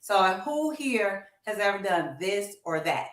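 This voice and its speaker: This fifties-aged woman co-hosts a laid-back livestream about music, chatting to her audience with animated encouragement. She has a mid-range, slightly bright voice that moves through wide pitch swings at an unhurried pace. Audio carries a roomy, echoing livestream feel.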